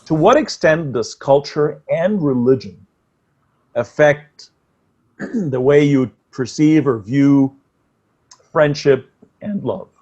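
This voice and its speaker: A man's voice: a little high, slow, pauses often, mellow. Hesitant male interviewer, dull audio. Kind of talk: interview questions.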